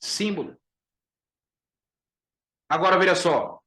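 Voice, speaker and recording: A man with a Brazilian Portuguese accent gives an emphatic Bible lesson as a pastor. His voice sits a little high and he repeats each key point to his listeners. The room is echoey. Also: expressive, slow pace, sharp tone. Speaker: pastor teaching a class.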